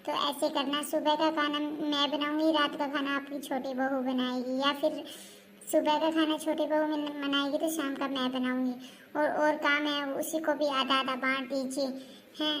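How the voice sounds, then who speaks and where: A woman's voice: high-pitched, level tone, normal speed, fairly bright tone. A woman voicing an assertive elder daughter-in-law who argues insistently for equal rules in a comedic family skit. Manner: argumentative, insistent.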